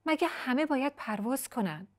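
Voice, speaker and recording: A high, childlike little bird chick from a children's storybook, timid and whiny, as a woman storyteller puts it on. Its voice jumps well above her usual register and pleads with every line. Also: expressive, darkish tone. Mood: sulky. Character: small timid bee-eater chick, whiny.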